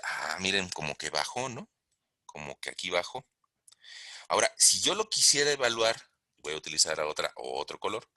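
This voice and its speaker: A man's voice: deep voice, pushed and bright, no room sound, clean studio sound. A man giving a recorded online engineering lesson, explaining step by step and asking the class questions. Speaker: engineering lecturer. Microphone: close mic while writing on a tablet.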